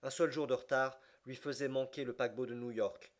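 A man narrates a classic adventure novel in an audiobook. He reads steadily and slows down for the dramatic passages. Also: medium pitch, steady tone.

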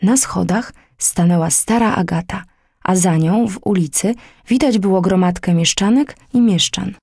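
A woman narrating an old tale as an audiobook, in a measured, dramatic storytelling manner. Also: medium pitch, dark tone, slightly rough, dry recording, studio quality.

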